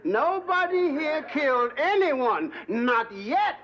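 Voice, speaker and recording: An actor playing a sharp-tongued male butler who firmly scolds a bully. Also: very high voice, very animated, slow, exaggerated voice. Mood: angry. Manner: sarcastic, firm and scolding. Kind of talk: 1970s sitcom acting. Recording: muffled 1970s TV sound with loud hiss.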